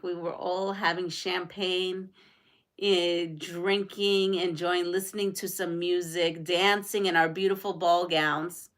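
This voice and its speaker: A woman from Puerto Rico with a medium-pitched, slightly bright voice hosts a live quilting stream for her channel. She chats with viewers, reads out comments and quiz questions, and laughs often.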